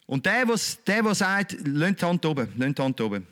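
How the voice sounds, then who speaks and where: Swiss-accented preacher with a high voice. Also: male voice, big pitch swings, moderate pace, a bit bright. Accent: Swiss German. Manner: colloquial, emphatic, repetitive. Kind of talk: sermon.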